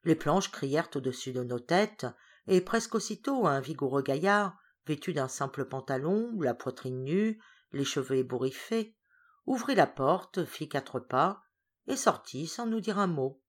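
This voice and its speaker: A woman reading a classic story aloud as an audiobook, with expressive, varied storytelling. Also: low-pitched, unhurried. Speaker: audiobook reader. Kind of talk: literary audiobook narration.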